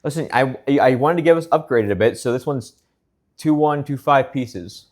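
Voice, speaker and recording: A man's voice: mid-range voice, animated, moderate pace, darkish tone. A man building a set with a friend, chatting casually and teasing him in joking banter. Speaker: co-builder on a stream. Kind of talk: casual chat.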